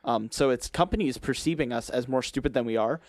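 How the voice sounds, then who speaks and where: A man's voice: medium pitch, a little fast, dry recording. A man co-hosting a podcast in casual chat, blunt and opinionated with a joking edge, recorded on a close mic. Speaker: podcast co-host.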